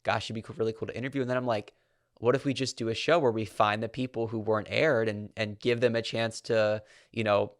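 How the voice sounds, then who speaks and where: Enthusiastic male host, somewhat low voice, dry close sound. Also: little pitch movement, quick pace, no room sound. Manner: eager, enthusiastic. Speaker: podcast host. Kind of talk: casual interview.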